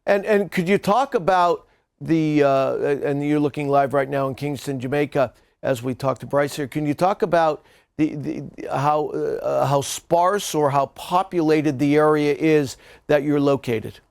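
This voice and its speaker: A man anchoring live weather coverage and interviewing a guest, halting as he rephrases his questions midway. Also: on the high side, fairly even intonation, vocal fry, smooth, no room sound, clean studio sound. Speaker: news anchor.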